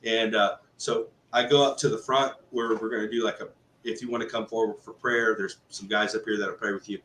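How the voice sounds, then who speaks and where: Animated man telling a story in a roomy space. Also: lowish voice, brisk. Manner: animated, conversational, full of fillers and quoted speech. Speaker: guest telling a testimony. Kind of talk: casual storytelling. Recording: roomy echo with faint background noise.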